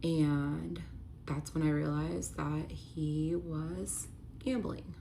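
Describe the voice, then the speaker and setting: Low-voiced woman telling a candid story. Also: steady tone, drawn-out words, gravelly, warm tone, a little hiss or hum. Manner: earnest, emotional, heavy use of "like". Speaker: vlogger telling a personal story.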